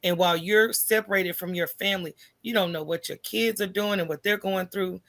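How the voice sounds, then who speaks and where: Her pitch is medium and her pace a little fast. This American woman, a podcast guest, tells candid stories in an animated way, voicing the dialogue she remembers and frequently turning to her listener with "right?"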